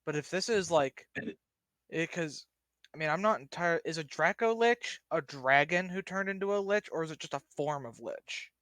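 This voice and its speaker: A man's voice: on the high side, normal speed, fairly bright tone. A man talks through his move in a tabletop game. He is casual and hesitant, circling back as he reasons, and the sound is dry with no room echo. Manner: hesitant, rambling, reasoning aloud. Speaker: player in a tabletop role-playing game.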